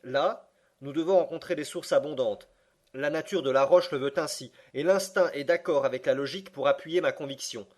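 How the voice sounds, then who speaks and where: A man voicing a stern, obstinate older professor in an audiobook, in a forceful, commanding way. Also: on the high side, lightly acted. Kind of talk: audiobook character reading.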